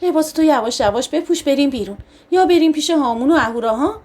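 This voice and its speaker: Woman reading as affectionate young husband, audiobook novel, soothing, unhurried, patient, high-pitched. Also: darkish tone, natural voice. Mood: tender. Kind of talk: audiobook character voice.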